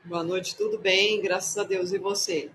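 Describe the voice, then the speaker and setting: A woman's voice: medium pitch, fairly even intonation, moderate pace, a bit bright, a little hiss or hum, rough recording. A woman hosting a casual live stream as a tarot reader, playful and chatty as she greets her viewers one by one.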